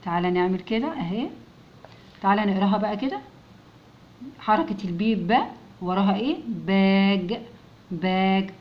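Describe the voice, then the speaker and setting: A woman with an Egyptian Arabic accent leads a lesson for young children at a middle pitch. She is patient and says each word slowly, more than once, so the children can repeat it. The recording sounds a little dull and lo-fi. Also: lively intonation. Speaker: English teacher.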